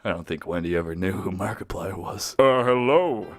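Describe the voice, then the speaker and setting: A man reading fan fiction aloud, breaking off often with excited, gushing reactions and laughter. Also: sits low, brisk, soft background music.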